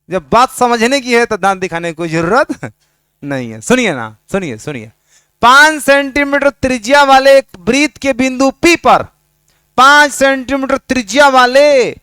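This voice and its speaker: Male maths tutor, high crisp voice, dry close sound, keeps quizzing the class. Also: fairly bright tone, no room sound. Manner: teasing, questions students constantly. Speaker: maths teacher. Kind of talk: classroom lecture at a board.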